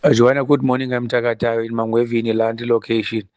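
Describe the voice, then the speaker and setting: A man's voice: medium pitch, level tone, fast, a little mellow, no echo. A man leaving a blunt, complaining voice message for a radio call-in show, played back on air. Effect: played back as a recorded voice message. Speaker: caller.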